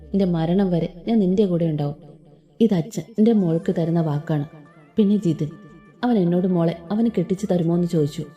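A woman reading a gentle remorseful father. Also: on the low side, brisk, natural voice. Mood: tender. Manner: gentle, tender, apologetic. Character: remorseful loving middle-aged father. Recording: slightly dull with soft background music.

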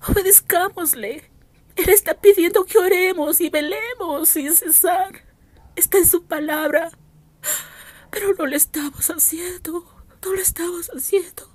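A woman's voice: very high-pitched, no room sound. A woman preacher recording a fervent, pleading prophetic exhortation as an audio message, repeating her appeals to the listeners. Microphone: self-recorded audio message.

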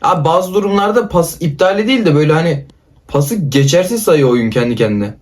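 Man, excitable, football game commentary, slightly high pitch, casual chat. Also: fast. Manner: excitable, shouts player names. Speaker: gaming YouTuber. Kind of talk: casual gameplay commentary with a friend.

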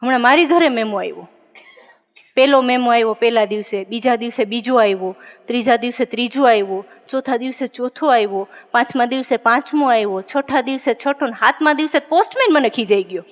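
A woman tells comic stories from a stage. She is animated and laughs often as she acts out other people's lines. Her voice rings with a long hall reverb. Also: fairly high pitch, fairly quick. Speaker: comedian.

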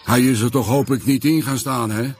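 A man voicing a fussy older male farmer who frets and complains slowly in a cartoon. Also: medium pitch, fairly even intonation, creaky, a little mellow, slightly rough. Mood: doubtful.

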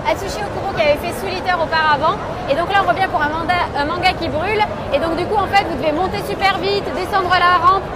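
Young woman, very high voice, chatty stand presenter with plenty of fillers, loud crowd and music behind. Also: fairly even intonation. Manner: quick and chatty, many fillers. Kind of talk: casual walk-through interview. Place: crowded indoor convention hall. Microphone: handheld phone camera close up. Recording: noisy crowded convention floor.

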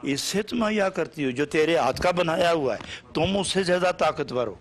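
Rhythmic preaching man, fairly high voice. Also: expressive, slight background noise. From Pakistan. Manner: rhythmic, repetitive lists of short phrases; emphatic rising questions. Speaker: Sufi preacher. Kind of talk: sermon lesson on poetry.

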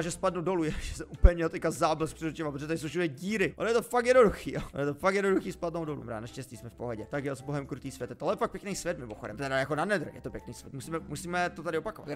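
A young man giving chatty, playful, self-mocking commentary while playing a video game. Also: medium pitch. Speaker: gaming YouTuber. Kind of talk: Minecraft let's play commentary.

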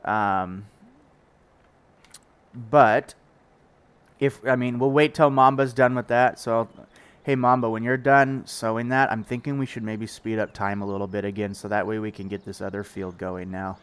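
A man's voice: lowish voice, steady tone, normal speed, fairly bright tone, smooth, rough recording. A man hosting a live game stream, talking casually with a stuffed-up morning voice and rambling with fillers and restarts. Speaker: streamer playing a farming game with friends.

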